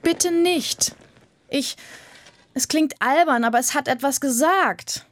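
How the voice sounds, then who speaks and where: Woman doing a shrill, excited little girl. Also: slow, no room sound. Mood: pleading. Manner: high breathless calling, urgent. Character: excitable young girl, eager and pleading. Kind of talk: audiobook character voice.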